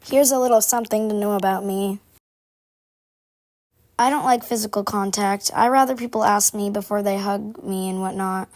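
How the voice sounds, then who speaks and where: A woman's voice: mid-range voice, fairly even intonation, normal speed, darkish tone, natural voice. A woman voicing a prim, busy, gossipy game character who confides in formal phrasing, aloof but chatty. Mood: prim, confiding. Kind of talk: scripted character monologue.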